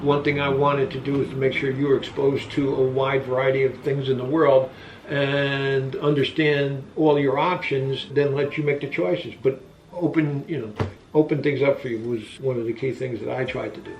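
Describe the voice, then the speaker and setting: A man of sixty-eight, a father answering questions in a casual sit-down chat, earnest and halting with many restarts. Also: mid-range voice, flat delivery, a little hiss or hum. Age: 60s. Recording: echoey, distant, dull room sound.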